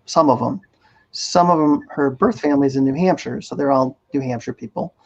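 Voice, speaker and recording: A chatty man with a flat-A Western New York accent, laughing easily as he hosts a casual chat on a video call. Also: medium pitch, a little fast. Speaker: podcast host. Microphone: video call microphone. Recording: dull lo-fi video call audio.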